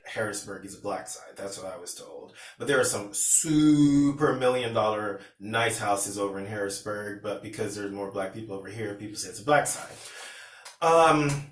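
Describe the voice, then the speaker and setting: A man's voice: fairly low pitch, moderate pace, background noise. A man from Pennsylvania telling a personal story to camera in a casual, rambling way, with restarts and retold dialogue. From Pennsylvania, USA. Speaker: vlogger. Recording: roomy, distant from the mic.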